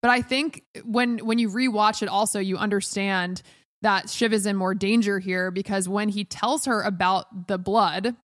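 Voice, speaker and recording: A woman co-hosting a TV recap podcast, talking at a medium pitch. She speaks casually and with animation. Her voice is recorded close and dry, with no room sound. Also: moderate pace, no echo. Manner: animated, quotes characters in passing. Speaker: podcast co-host.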